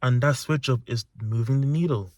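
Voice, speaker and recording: A man's voice: medium pitch, a little fast, a little mellow, no echo, clean studio sound. A young man giving a reflective motivational monologue, speaking earnestly and emphatically and repeating key phrases, recorded inside a car. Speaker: self-improvement vlogger. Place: inside a parked car at night.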